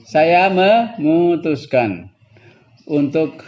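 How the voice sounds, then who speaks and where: In a lo-fi recording, a man with a somewhat high, sing-song, darkish voice teaches a class how to pronounce English. He takes his time explaining, alternates between two languages, and frequently drifts into chuckles.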